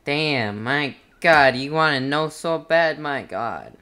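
A young man chats over his headset while gaming, playful and evasive. His voice is bright and crisp, with a clear, smooth tone. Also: a little high, lively intonation, slow pace. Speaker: streamer. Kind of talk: casual game chat.

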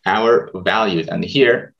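A young man hosts an online webinar at an easy pace, pausing on "uh" often. His voice sits very low. The video-call audio sounds a little dull. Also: a little hiss or hum. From Israel. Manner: relaxed, hesitant with many fillers. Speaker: webinar host, medical student. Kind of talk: presenting a webinar over slides. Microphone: video call webcam.

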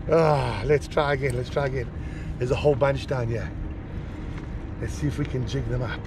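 Speaking at a moderate pace in a mid-range voice, a kayak angler in his thirties gives offhand commentary to an action camera on the boat while fishing the open sea. Fighting the fish sets him whooping and cheering. Wind and water noise run through the outdoor audio.

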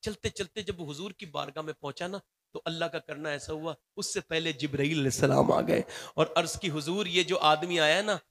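Gravelly high-voiced impassioned male preacher. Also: fairly even intonation. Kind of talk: sermon.

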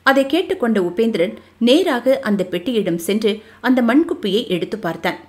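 A woman reading a historical novel aloud as an audiobook narrator, with a steady storytelling delivery. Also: a little high, moderate pace.

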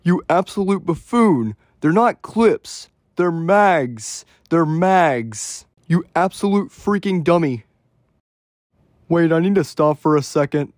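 A man's voice: a little high, lively intonation, takes it slowly, darkish tone, no room sound, studio quality. A man voicing a goofy, fussy young cartoon character in an improvised, casual comedy dub. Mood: indignant.

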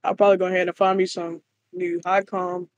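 A man's voice: high-pitched, flat delivery, fairly quick, no echo, highs cut off. A man in casual voice chat, talking brashly and teasing as the new sheriff of a roleplay server.

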